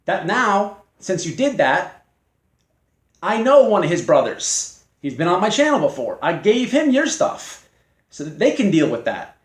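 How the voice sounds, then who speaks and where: A man hosting his own channel, delivering a mocking, confrontational response to a rival in halting speech full of fillers and restarts. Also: high-pitched, very animated, roomy sound. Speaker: channel host.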